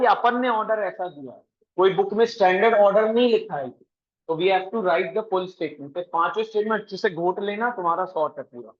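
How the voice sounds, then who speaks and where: A man teaching a coaching class, briskly quizzing his students and mixing English math terms into his talk. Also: high-pitched, lo-fi sound. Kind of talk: classroom lesson.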